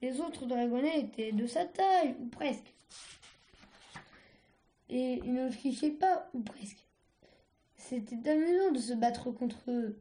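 A woman reading a storybook aloud in a halting way, often stumbling and restarting words. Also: high voice, lively intonation, warm tone. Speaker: reader.

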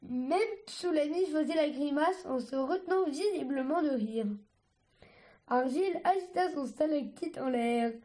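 A woman reading a storybook aloud, haltingly, with restarts. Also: high-pitched, dark tone. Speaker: reader.

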